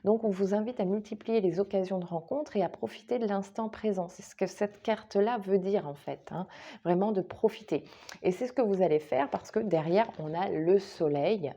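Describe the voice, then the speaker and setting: A woman's voice: medium pitch, moderate pace, warm tone. A woman giving a casual monthly tarot reading, chatting straight to her viewers with frequent hesitations. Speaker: tarot reader.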